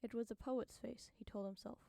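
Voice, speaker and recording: A woman reading an audiobook as narrator, in a measured, unhurried manner on a close studio microphone. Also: a little high, steady tone, creaky, warm tone, no room sound. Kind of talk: scripted narration.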